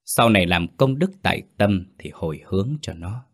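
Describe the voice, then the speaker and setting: A man voicing a calm Buddhist exorcist master in a spoken ghost story, measured and admonishing. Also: low-pitched. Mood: solemn.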